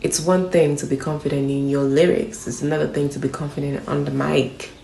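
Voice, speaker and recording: A young woman from Nigeria, a rapper, answering interview questions in a steady, reflective way that becomes emphatic on strong opinions. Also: low-pitched, fairly quick, gravelly, slight background noise. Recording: roomy echo with faint background ambience.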